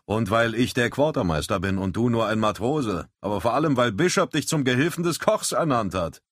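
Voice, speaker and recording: A man's voice: medium pitch, expressive, a little fast, no room sound, studio quality, pitched above the performer's own voice, natural voice. A man voicing a good-humoured, bossy male quartermaster on a ship. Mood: commanding.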